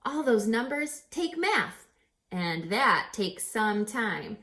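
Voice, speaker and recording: Her voice is on the high side, very animated and a bit bright, as she slowly reads a children's story aloud. Playing the teacher, she's dramatic and emphatic, posing rhetorical questions and teacherly asides to her listeners.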